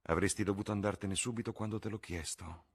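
An earnest painter speaks low and subdued, as a male reader does the part. His voice is deep and husky and sits near the reader's own. He pleads with quiet devotion. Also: fairly even intonation, fast talker. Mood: pleading.

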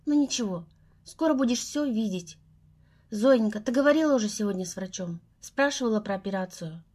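A woman's voice: mid-range voice, expressive, brisk, natural voice. A woman reading an audiobook voices a tender older mother who speaks tearfully and fusses over her son. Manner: tearful, warm, fussing.

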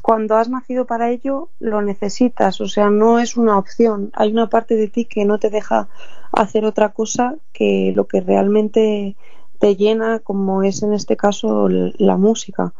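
Young Madrid woman, soft and mellow. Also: mid-range voice, level tone, measured pace, creaky, no echo. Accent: Madrid Spanish. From Madrid, Spain. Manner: thoughtful, hesitant with fillers. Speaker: singer-songwriter guest. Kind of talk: casual interview answers. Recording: dull lo-fi dry sound.

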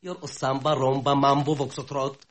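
A man's voice: medium pitch, level tone, very fast, lightly acted. A man playing a mocking worldly friend. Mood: coaxing. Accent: Egyptian Arabic. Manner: mocking, coaxing. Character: teasing worldly male friend. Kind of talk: vintage radio drama acting.

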